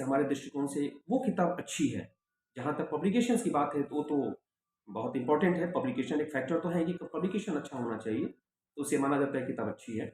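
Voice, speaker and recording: A man's voice: mid-range voice, a little mellow. Hindi lecturer man in an echoey room. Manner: direct, repeats points with emphatic reminders. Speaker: assistant professor of sociology. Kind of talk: lecture giving book advice to students. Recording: very echoey room with faint background noise.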